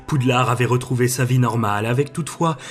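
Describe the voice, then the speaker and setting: A man narrating a story aloud at a steady, measured pace. His voice sits at an ordinary middle pitch for a man, clear and even. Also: soft background music. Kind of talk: audiobook reading.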